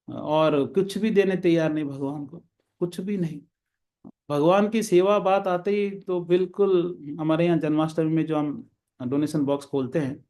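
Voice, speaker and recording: A man's voice: a little high, a little mellow. A man preaching, telling a devotional story and acting out the characters' lines in different voices.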